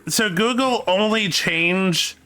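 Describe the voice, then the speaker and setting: A man from Canada chatting casually on a stream, opinionated and halting, restarting his sentences often, with faint game music behind. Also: high-pitched, pushed and bright, clean tone. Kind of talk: casual chat.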